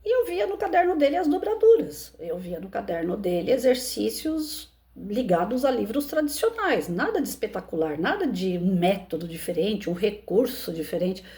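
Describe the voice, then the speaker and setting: A Brazilian woman, a schoolteacher, telling a personal anecdote in an expressive, emphatic way. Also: normal speed. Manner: expressive, emphatic storytelling with frequent pitch lifts. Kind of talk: personal anecdote told to listeners.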